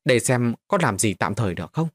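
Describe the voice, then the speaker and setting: A man's voice: medium pitch, sing-song, brisk, no room sound. A man voicing a cautious older male grave digger in an audio storybook, speaking sternly.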